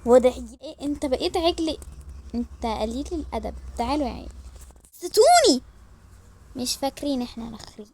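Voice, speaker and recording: An Egyptian woman telling a role-play family story, switching quickly between the voices of a mother and her children. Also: high-pitched, big pitch swings, darkish tone, a little hiss or hum. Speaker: storyteller voicing all characters.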